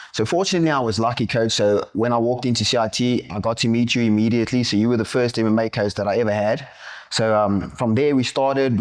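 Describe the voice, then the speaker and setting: A young man with a South African accent, a professional MMA fighter talking easily about his past and calling his interviewer "coach" throughout. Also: mid-range voice. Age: young adult. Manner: easygoing, keeps addressing his interviewer as coach. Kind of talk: podcast interview.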